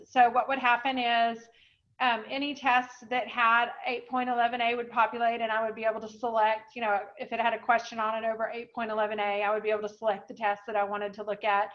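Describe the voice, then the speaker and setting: A woman presenting an online software webinar, explaining in a chatty way with many fillers, a little out of breath. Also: a little high. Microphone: video call. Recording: dull lo-fi online call audio.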